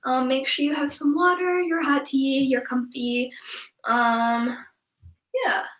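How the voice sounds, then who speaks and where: Here a stretching instructor with a stuffy nose speaks slowly from her home, her high voice steady and fairly bright. She's a young woman who rambles chattily, says um a lot and laughs easily, and the sound is roomy.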